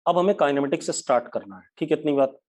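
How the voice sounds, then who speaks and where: Male physics teacher, brisk and scolding, live online lecture. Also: on the high side, expressive, darkish tone. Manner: brisk, scolds students by name.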